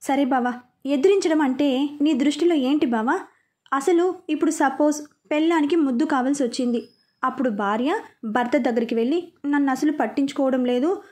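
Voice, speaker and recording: A woman's voice: high-pitched, darkish tone, lightly acted. A woman voicing a hurt, reproachful young wife in an audio story, pleading and scolding by turns.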